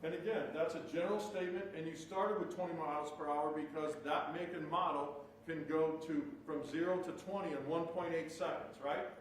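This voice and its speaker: A man's voice: a little high, steady tone, a little fast, few pauses. A man in a courtroom recording, questioning a witness with leading questions that end in "correct?". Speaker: defense attorney. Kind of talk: courtroom cross-examination. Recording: echoey courtroom, distant mic, faint noise.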